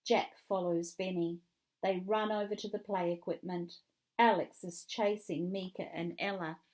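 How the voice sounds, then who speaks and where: A woman reading a children's book aloud with clear, expressive storytelling. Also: lowish voice, unhurried. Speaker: reader.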